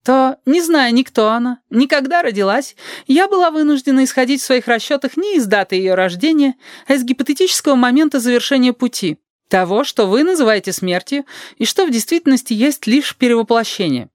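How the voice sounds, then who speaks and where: The reader voices a stiff, pedantic young woman with a creaky, grating voice who lectures in a formal tone, as in an audiobook. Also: high voice, lively intonation, brisk, no room sound, clean studio sound, voice pushed up. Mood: lecturing.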